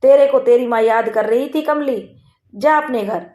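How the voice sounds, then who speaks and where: A woman's voice: fairly high pitch, measured pace, mellow, roomy sound, highs cut off, voice pushed up, lightly acted. A woman voicing a bossy, fussing storybook aunt. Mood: doting, bossy. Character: bossy doting middle-aged aunt.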